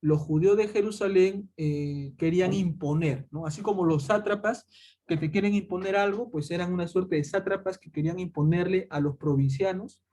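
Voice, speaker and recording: A man from Peru teaches a Bible lesson, addressing his listeners as "chicos" and posing rhetorical questions that he answers himself. His voice is high-pitched with a dark tone, at a moderate pace.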